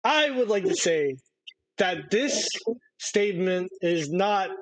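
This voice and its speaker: A man's voice: high voice, lively intonation, slow pace, no echo, pitched above the performer's own voice, rough recording. A man voicing a pompous bear judge. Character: self-important male bear judge. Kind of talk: live-streamed game role-play.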